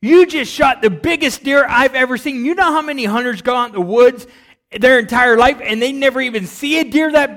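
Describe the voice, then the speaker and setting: Male preacher doing a proud father, high, shouting, thrilled. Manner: loud, astonished shouting. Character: excited proud hunting father, booming.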